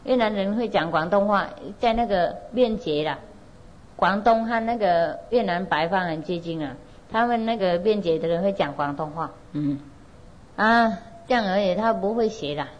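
A woman spiritual teacher tells a Zen tale to a gathered audience, her voice at an ordinary middle pitch. She speaks loosely and conversationally, full of fillers and little laughs. She keeps checking in with her listeners to ask whether they follow. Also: normal speed, highs cut off. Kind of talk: storytelling lecture to an audience.

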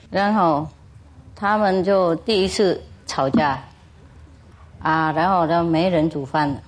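Playful woman teacher telling jokes. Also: lowish voice. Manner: chuckles often, playful, teasing. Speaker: spiritual teacher. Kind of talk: lecture telling jokes to an audience.

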